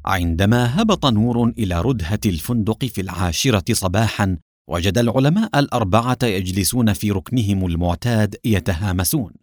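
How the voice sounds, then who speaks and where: A man narrating a novel in an expressive, scripted storytelling style. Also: fairly low pitch, fairly quick, dry recording, studio quality. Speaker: audiobook narrator.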